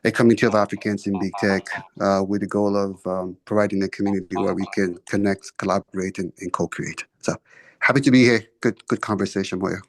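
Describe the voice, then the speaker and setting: A man introducing himself and his community on a video call, even-toned with fillers. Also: deep voice, a little fast, no room sound, poor audio. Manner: even, slightly hesitant with fillers. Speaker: community founder, call participant.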